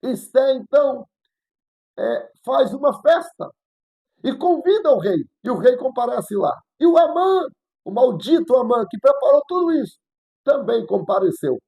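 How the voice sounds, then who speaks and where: A Brazilian woman teaches a Sunday school Bible lesson, recounting the story in an animated way and often repeating her phrases. Her voice is gravelly and husky, with a dark, mellow tone that sits a little high. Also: a little slow, low-quality recording. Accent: Brazilian Portuguese.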